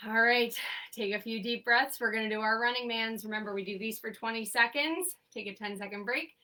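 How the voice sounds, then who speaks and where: Counting reps aloud and offering short, upbeat cues, a young woman teaches a seated exercise class remotely from home. Her brisk voice is on the high side, pushed and bright, and recorded from a distance.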